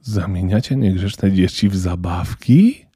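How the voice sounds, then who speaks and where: A man's voice: low-pitched, a little slow, warm tone, husky, no room sound, clean studio sound. A man voicing a spoiled, defiant eight-year-old girl who talks in a cold, smug, self-assured way.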